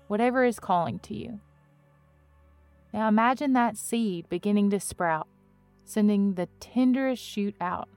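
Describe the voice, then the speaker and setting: A woman reading a guided meditation as a podcast host, with a gentle, soothing, unhurried delivery and pauses between phrases. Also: medium pitch.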